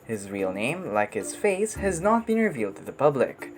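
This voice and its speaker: Casting: woman narrator, unusually deep voice, animated delivery of formal scripted documentary copy. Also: moderate pace, faint music behind.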